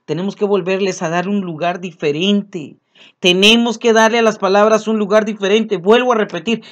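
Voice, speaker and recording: A man preaching a sermon, earnest and repeating his key phrases as he speaks to his congregation as brothers. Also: high-pitched.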